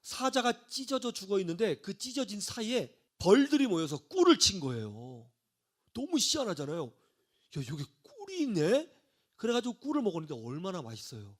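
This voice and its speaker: A man preaching with a high, lively voice that leaps up and down as he retells a Bible story. He plays out the characters in quick snatches of dialogue and keeps turning to his congregation with questions. The delivery is animated, a storyteller's sermon. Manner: acts out biblical characters' lines in varied voices, addresses listeners directly. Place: broadcast studio.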